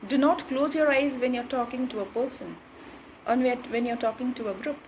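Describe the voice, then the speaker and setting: A woman teaches communication skills in a high, clear register. She hammers home each point and keeps checking in with her listeners. A faint hum of ambience sits behind her voice. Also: steady tone, brisk, poor audio. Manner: didactic, repeats points with "right?" and "okay". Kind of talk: instructional talk to camera.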